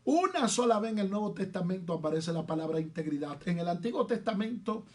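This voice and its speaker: Dominican man, pastor preaching a sermon, high voice, hammering repeated lines. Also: animated. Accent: Dominican Spanish. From Dominican Republic. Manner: emphatic preaching with repeated phrases and slowed, stressed words.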